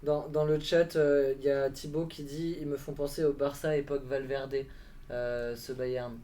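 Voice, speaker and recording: Mellow male stream host. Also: medium pitch, flat delivery, unhurried. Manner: brief acknowledgements, reads chat questions. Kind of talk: casual live-stream hosting.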